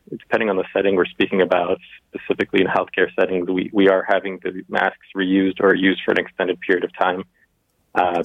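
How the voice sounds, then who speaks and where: A man giving measured, explanatory answers as an expert interview guest, over a dull remote connection. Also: deep voice, vocal fry, dry recording.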